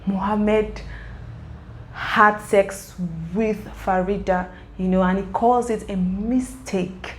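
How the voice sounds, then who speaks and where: A woman's voice: medium pitch, fairly even intonation, slow, a little hiss or hum, low-quality recording. A young woman casually recapping a web series episode, talking straight to the characters. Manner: chatty, emotional asides to the characters.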